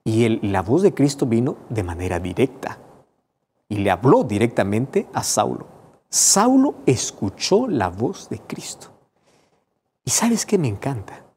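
A man's voice: on the low side, sing-song, unhurried, warm tone, a little hiss or hum. A man preaching a sermon, emphatic, speaking directly to the listener.

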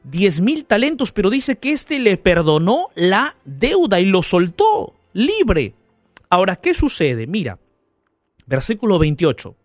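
A male pastor giving a radio sermon, retelling a parable with animated storytelling and asking the listener questions. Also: high-pitched, measured pace, no echo, soft background music.

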